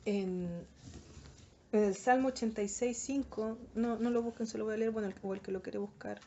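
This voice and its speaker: A woman's voice: mid-range voice, normal speed. Chilean woman giving an earnest youth talk. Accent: Chilean Spanish. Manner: earnest, animated, acts out quoted voices. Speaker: youth group speaker. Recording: dull lo-fi recording, faint noise.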